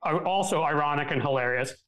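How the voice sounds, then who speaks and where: A man's voice: on the high side, a bit bright, low-quality recording. Blunt, joking middle-aged man. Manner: joking, blunt, profane, quick asides. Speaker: political strategist, guest. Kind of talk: casual political chat.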